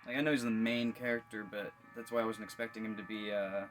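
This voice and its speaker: A man's voice: lowish voice, little pitch movement, fast, faint music behind. A tired man giving casual reaction commentary, yawning and musing loosely as he watches. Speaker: video reactor.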